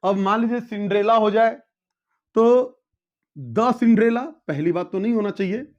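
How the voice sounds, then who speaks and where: A man's voice: high-pitched, normal speed, lo-fi sound. A man teaching an English grammar lesson to students, explaining each point several times and calling them children.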